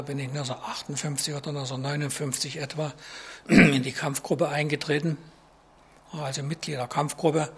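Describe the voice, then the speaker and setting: Flat, husky man in his 70s. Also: fairly high pitch. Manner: hesitant, with fillers and pauses. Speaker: interviewee, former ministry employee. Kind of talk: recorded testimony.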